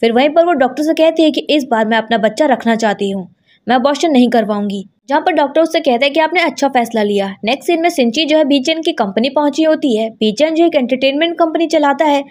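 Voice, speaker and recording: A woman narrating a drama recap in a brisk storytelling manner, quoting each character as she goes. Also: high voice, a little mellow. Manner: brisk retelling, quoting every character in her own voice.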